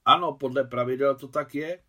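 A bearded Orthodox monk lays out church rules in a formal, explanatory tone, read by a man. The delivery is steady and slightly raised against the narration. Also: medium pitch, pitched above the performer's own voice.

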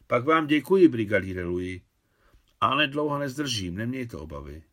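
In an audiobook, a man voices a wealthy, gracious older widow raised in Russia, speaking gently and courteously. His pitch sits in the middle range and his delivery is sing-song.

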